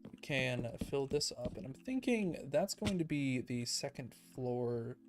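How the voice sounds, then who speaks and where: A man's voice: medium pitch, unhurried. Chill guy streaming a game, talks to himself while he plays, kinda out of breath, music playing behind him. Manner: relaxed, self-deprecating, thinking aloud. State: a little out of breath. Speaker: let's play streamer. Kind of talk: casual gameplay commentary. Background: background music.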